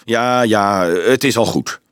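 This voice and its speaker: A man reading a storybook aloud, voicing a gruff medieval army officer who barks curt, impatient orders. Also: lowish voice, takes it slowly, a bit bright, no echo, studio quality.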